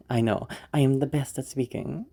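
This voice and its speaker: Brief: a man with a warm, dark tone, casually teaching voice acting. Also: medium pitch, a little slow, creaky, husky. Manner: rambling, laughs often, restarts. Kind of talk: casual spoken tutorial.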